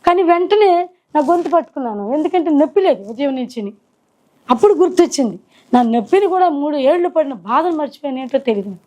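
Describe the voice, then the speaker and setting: High-voiced woman telling her testimony. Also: warm tone. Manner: earnest, reflective storytelling with slow hesitations. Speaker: testimony speaker. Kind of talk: personal faith testimony. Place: indoors at her own home.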